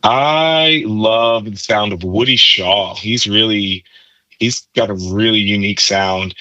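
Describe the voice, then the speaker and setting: A man's voice: on the low side, takes it slowly, sharp tone, no echo, highs cut off. A man who plays trumpet, explaining jazz tone and technique in a teacherly way on a podcast. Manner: explanatory, teacherly, repeats words for emphasis. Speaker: trumpet player guest. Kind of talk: podcast interview, explaining music.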